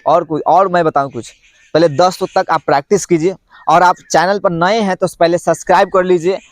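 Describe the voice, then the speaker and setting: A man teaching English pronunciation, saying tongue twisters slowly and repeating them, with chatty coaching in between. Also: high voice, steady tone, no room sound. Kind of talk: pronunciation lesson.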